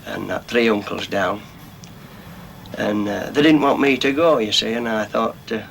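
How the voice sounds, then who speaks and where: A man's voice: on the low side, normal speed, creaky, a bit bright, slight background noise. A man, a coal miner talking plainly for an old documentary, his broad local speech full of little asides. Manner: plain-spoken, broad local speech, nervous before going on. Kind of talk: documentary interview.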